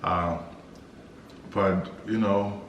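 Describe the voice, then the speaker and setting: An American man co-hosting a casual Q&A vlog, explaining things in a measured, halting way. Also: low voice, steady tone, lo-fi sound. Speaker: vlog co-host. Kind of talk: casual couple Q&A chat. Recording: roomy echo with clear background noise.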